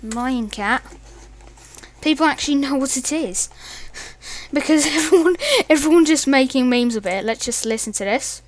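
Giggly high-voiced young woman rambling. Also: normal speed. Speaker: meme reaction video host. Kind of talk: casual reaction commentary.

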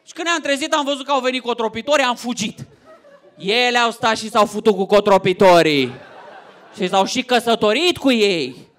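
A man in his thirties from Romania doing a stand-up comedy set on stage, loud and animated, often shouting punchlines. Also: very high-pitched. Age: 30s. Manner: loud, animated, swings into mock voices and shouts. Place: theater stage before a laughing audience.

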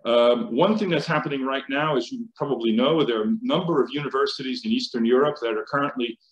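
A chemical engineering professor, an American man, gives conference panel remarks over a video call from his home office, and the audio sounds roomy. He talks fast at medium pitch but hesitantly, with many fillers and restarts.

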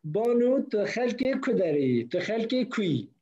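Patient male language teacher on a video call, slow and mellow, dull lo-fi sound. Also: high voice, big pitch swings. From northern Kurdistan. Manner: patient, repeats words slowly for students. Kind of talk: online class. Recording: dull lo-fi online call audio.

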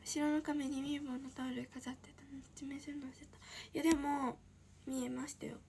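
An 18-year-old woman from Shizuoka, Japan, chatting casually on a livestream and answering viewer comments, often slipping into a soft breathy whisper. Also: high voice, flat delivery, a little fast, slight background noise. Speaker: idol livestreamer.

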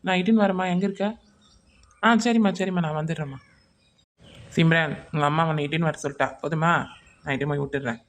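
A woman's voice: sits low, steady tone, quick pace, long pauses, close to an everyday voice. A woman voicing a father in a cartoon, scolding and coaxing his crying child. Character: father, impatient but caring. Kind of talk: cartoon voice acting.

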